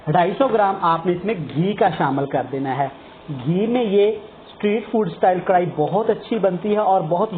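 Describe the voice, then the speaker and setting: Male cooking host, calm instructional delivery, narrow lo-fi sound. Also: sits high, a little hiss or hum. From Pakistan. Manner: calm, methodical, addresses viewers politely as sir and brothers and sisters. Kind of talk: step-by-step recipe instruction. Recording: phone-like narrow band.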